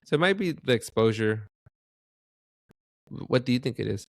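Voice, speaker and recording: A man's voice: medium pitch, lively intonation, moderate pace, gravelly, dry recording, studio quality. A man co-hosting a soccer podcast, speaking hesitantly and filling his sentences with "like.". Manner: hesitant, heavy use of "like". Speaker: podcast co-host. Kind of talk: casual chat.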